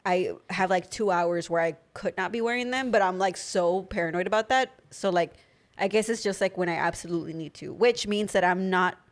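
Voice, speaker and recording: A woman's voice: fairly low pitch, a little fast. A young woman co-hosting a podcast in casual chat, talking with a slight lisp from new dental aligners and lots of filler words. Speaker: podcast co-host.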